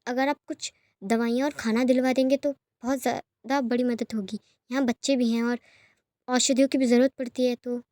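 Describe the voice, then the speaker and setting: A woman voicing a practical young woman who looks after others and scolds briskly, in a storybook reading. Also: a little high, steady tone, warm tone, no room sound, studio quality, natural voice. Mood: polite.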